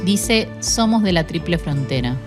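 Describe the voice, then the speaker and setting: Female narrator, scripted documentary read, low register, clear music underneath. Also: lively intonation, measured pace. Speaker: podcast narrator. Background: music bed.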